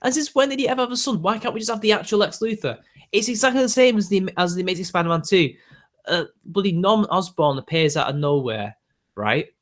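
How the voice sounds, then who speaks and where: This young-sounding British man in his twenties talks fast in a high, animated, fairly bright voice. Hosting on YouTube, he rants at his viewers in a casual, exasperated way, full of filler words.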